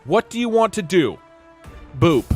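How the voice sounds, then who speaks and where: A man's voice: high voice, lively intonation, normal speed, a bit bright, soft background music. A man giving casual, joking commentary while playing a game, laughing often. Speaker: streamer.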